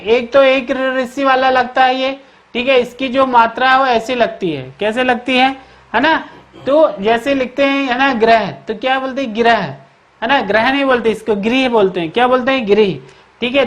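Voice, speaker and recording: A woman teaching an exam-prep grammar lesson. She keeps checking in with the class, asks questions and answers them herself, and repeats key words slowly. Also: high voice.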